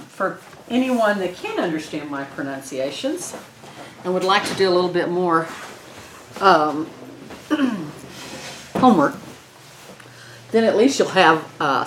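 A woman's voice: medium pitch, fairly bright tone, slight background noise, poor audio. A woman with a twangy West Texas accent teaching an informal Bible lesson in a folksy way, often checking in with the group. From eastern New Mexico and West Texas, USA.

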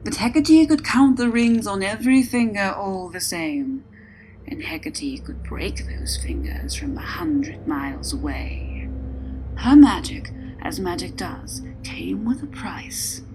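Woman telling a dark tale softly. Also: medium pitch, big pitch swings, slow pace, low-quality recording. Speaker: storyteller. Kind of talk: scripted narration. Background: music.

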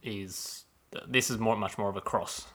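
A man's voice: fairly low pitch, fairly even intonation, normal speed, pushed and bright. A man hosting a casual podcast, rambling and self-deprecating, explaining history at length. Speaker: podcast host. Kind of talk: casual chat.

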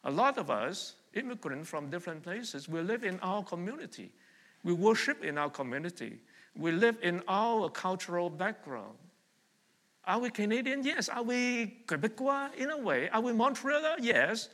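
A middle-aged Vietnamese pastor with a high, sing-song, slightly bright voice preaches at a moderate pace to his congregation in a church hall. He talks conversationally and puts questions to listeners in a call-and-response sermon, with the hall's long reverb on the recording.

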